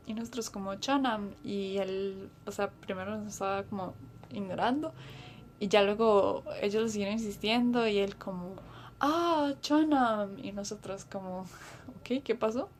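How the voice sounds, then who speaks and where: A woman's voice: mid-range voice, level tone, brisk, a little mellow, slight background noise. A woman casually recounting an experience, hesitating often and acting out the dialogue as she quotes it. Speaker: interviewee. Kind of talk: casual recollection.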